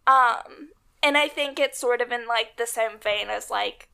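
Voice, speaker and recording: High, bright, gravelly woman. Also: unhurried. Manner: chatty, heavy use of "like". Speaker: podcast co-host. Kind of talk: casual chat.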